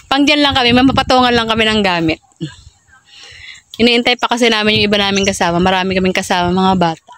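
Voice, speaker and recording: A woman's voice: medium pitch, fast talker, fairly bright tone, dry recording. A woman vlogger giving a casual, chatty tour outdoors, exclaiming and repeating short phrases, on amateur audio. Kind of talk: casual handheld resort tour narration. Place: outdoors at a resort.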